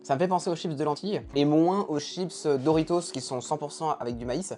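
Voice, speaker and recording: Fast-talking, blunt man over music. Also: a little high, a little mellow. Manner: informal, opinionated, blunt. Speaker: food taster and co-host of a nutrition review. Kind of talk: casual chatty product tasting commentary.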